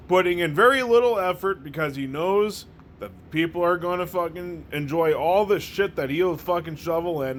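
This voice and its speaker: A man delivers a casual movie review in a blunt, sarcastic tone, swearing freely. His voice sits somewhat high for a man. A faint hum of room noise runs underneath. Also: a bit bright. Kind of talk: casual profane review monologue.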